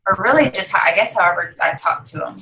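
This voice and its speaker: A woman's voice: medium pitch, animated, quick pace, bright, forceful tone, a little hiss or hum, poor audio. A young woman on a video call, chatting in an upbeat way as she explains how she follows up with customers for her sales team. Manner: chatty and upbeat, walks through her routine step by step. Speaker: network marketing distributor and team leader. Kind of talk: casual video call interview.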